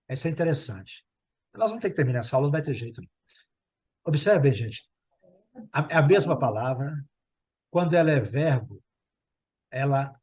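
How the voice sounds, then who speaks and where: This middle-aged Brazilian man, speaking with a Brazilian Portuguese accent, repeats English words slowly while teaching a group lesson. He has a medium-pitched, darkish, husky voice, captured in lo-fi sound.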